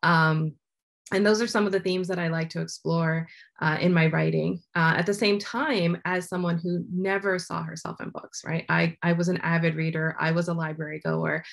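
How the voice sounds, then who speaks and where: A woman from Maryland talks about her writing on a video call, earnest and reflective, pausing gently as she thinks. Her voice sits low and carries a gravelly fry. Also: level tone. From United States (Maryland). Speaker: author guest. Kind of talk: casual talk over a video call.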